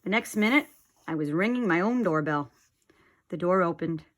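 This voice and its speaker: A woman's voice: lowish voice, animated, moderate pace, fairly bright tone. Middle-aged woman reading a bedtime story. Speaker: read-aloud storyteller.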